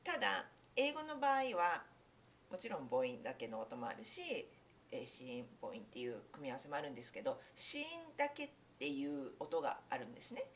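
A woman's voice: sits low, wildly swooping pitch, brisk, a little hiss or hum. A young woman teaching English pronunciation in a casual spoken lesson, explaining in a friendly way with many fillers and self-corrections.

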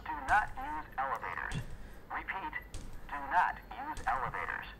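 A man voicing a formal, measured emergency evacuation announcement in a video game. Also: mid-range voice, huge pitch swings, creaky, noisy background. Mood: formal, urgent. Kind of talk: scripted public address announcement.

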